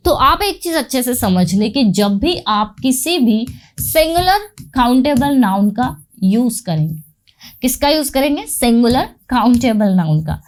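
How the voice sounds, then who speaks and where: A woman with an Indian accent teaching an English grammar lesson, explaining step by step and asking and answering her own questions. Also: on the high side.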